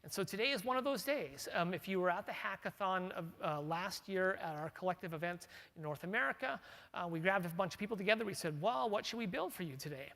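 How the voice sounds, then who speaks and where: In a big conference hall, a middle-aged man serving as his company's CTO presents product strategy through a relaxed keynote. His high voice is gravelly and sharp, with lively intonation and a fast delivery. The talk is conversational, full of fillers and restarts.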